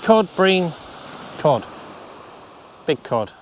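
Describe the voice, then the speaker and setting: This angler films a casual outdoor fishing vlog from a seaside shingle beach, with waves audible behind him. He talks to the camera, mutters to himself and swears occasionally, his voice high-pitched, sing-song and extremely slow.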